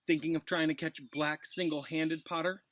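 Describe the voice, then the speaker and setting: A man's voice: fairly high pitch, flat delivery, moderate pace, pitched above the performer's own voice, lightly acted. Man playing Malfoy, a sly, taunting schoolboy. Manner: taunting, quiet menace. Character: sly, sneering schoolboy bully, malicious and taunting.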